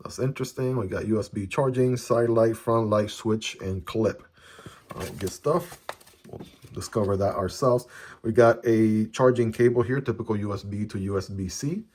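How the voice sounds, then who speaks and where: Speaking at normal speed in a darkish voice on the low side, this product reviewer unboxes an item in a relaxed, chatty way. He's a native Chinese speaker who frequently tags lines with "right?". A phone camera captures him, with a little background noise.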